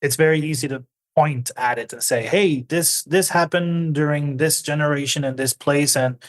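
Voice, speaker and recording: This fairly high-pitched man in his forties, born in Argentina and raised in Norway, is a guest in a conversational interview. He talks at a moderate pace, thoughtful and hesitant, restarting often.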